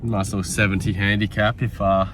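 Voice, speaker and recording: A man's voice: on the low side, level tone, a little fast, background noise. A man talking in a casual, sweary vlog style, rambling as he thinks aloud. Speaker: self-employed window cleaner vlogging his day.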